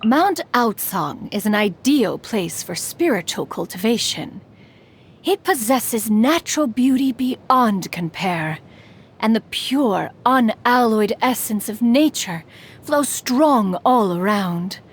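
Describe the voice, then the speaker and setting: A woman's voice: on the high side, expressive, takes it slowly, husky, exaggerated voice. A woman voicing a haughty, eccentric female immortal crane spirit and inventor in a video game, speaking formally and calling herself "one". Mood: lofty. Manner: formal, archaic speech, calls herself "one"; haughty yet teasing. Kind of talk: video game character voice lines.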